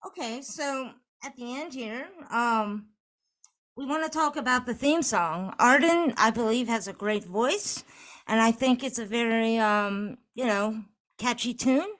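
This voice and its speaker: Steady, organized podcast co-host woman. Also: a little high, unhurried. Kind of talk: casual podcast chat.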